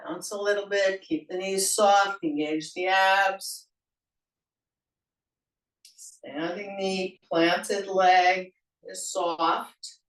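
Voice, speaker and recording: A woman guides a senior yoga class at an unhurried, very slow pace, calm and gentle in her cues. Her voice sounds roomy and echoey. She is some distance from the mic. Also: mid-range voice. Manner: slow, gentle cueing with playful laughter exercises. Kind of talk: guided exercise class instruction.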